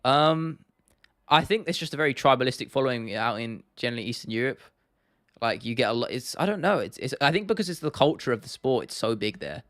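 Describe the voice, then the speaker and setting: A man's voice: medium pitch, lively intonation, quick pace, fairly bright tone, no echo, studio quality. A man hosting a casual livestream, chatting informally and laddishly with viewers and repeating phrases for emphasis. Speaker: livestream host. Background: faint music, keyboard clicking.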